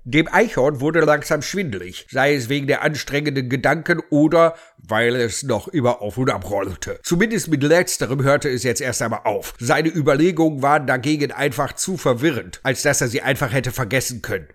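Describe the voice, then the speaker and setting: A man narrating an audio story in a dry, deadpan storytelling manner. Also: medium pitch, brisk, few pauses.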